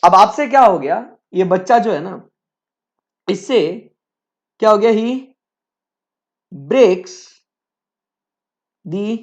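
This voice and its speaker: A man's voice: sits high, animated, very slow, long pauses. A male teacher giving a live online lecture, talking conversationally and repeatedly checking in with his students.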